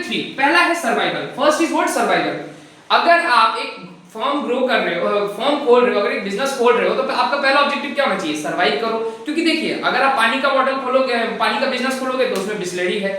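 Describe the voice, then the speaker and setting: A man teaching a recorded lesson from handwritten notes. He talks fast, says so himself, mixes in English, slows down to read definitions, and keeps checking in with the class. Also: very high voice, pushed and bright. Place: room with board, writing notes. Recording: very echoey room, voice far from the mic.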